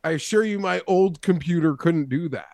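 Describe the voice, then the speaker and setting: A man's voice: a little high, normal speed, creaky, darkish tone, dry recording. A man co-hosting a casual podcast chat, rambling and a little defensive. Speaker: co-host.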